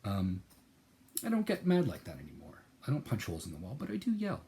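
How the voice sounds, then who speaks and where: In a personal, reflective monologue, a channel host speaks a little fast with huge pitch swings, earnest and searching. He repeats words as he thinks, moving from soft, lowered phrasing to abrupt loud, emphatic bursts.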